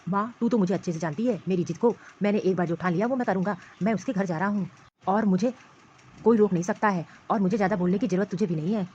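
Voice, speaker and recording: Domineering cartoon husband, furious and threatening, voiced by a woman, husky voice, dull recording. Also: mid-range voice, fast talker, darkish tone, pitched below the performer's own voice, lightly acted. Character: harsh stubborn young husband, man. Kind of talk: animated cartoon voice acting. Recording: slightly muffled lo-fi recording.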